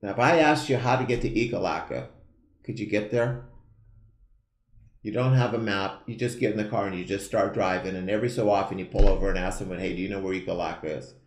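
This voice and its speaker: A man in his fifties hosting a live show, giving an earnest, emphatic motivational pitch that keeps repeating its key phrases. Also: fairly quick, roomy sound. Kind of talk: motivational sales pitch to camera.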